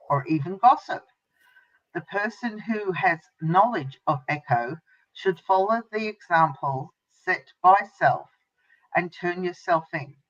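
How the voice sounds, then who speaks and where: A woman hosting a casual video-call panel, playful and chatty, reading a statement aloud. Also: deep voice. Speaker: host. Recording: dull lo-fi call audio.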